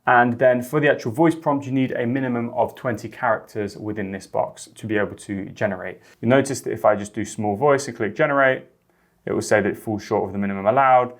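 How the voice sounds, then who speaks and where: A man hosting a software tutorial, upbeat and chatty, explaining steps enthusiastically. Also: medium pitch, steady tone, fairly quick. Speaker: host.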